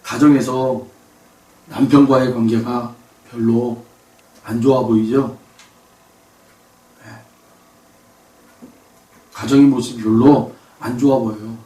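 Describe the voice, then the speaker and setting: A man's voice: medium pitch, steady tone, slow pace, long pauses, dark tone. A male pastor preaching a sermon, emphatic, with rhetorical questions and bursts of raised voice. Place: church sanctuary. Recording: echoey church hall from far off.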